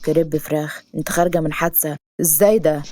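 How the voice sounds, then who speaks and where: A woman narrator voicing a cold, sarcastic young male police officer in a lowered, dry, mocking Egyptian Arabic voice. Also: steady tone, fast, mellow, slight background noise, lightly acted.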